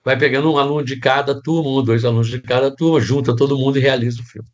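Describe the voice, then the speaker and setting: A man's voice: medium pitch, fairly even intonation, fast, highs cut off. A man with a Brazilian Portuguese accent teaching set design in a casual online class, rambling with restarts and many tag questions.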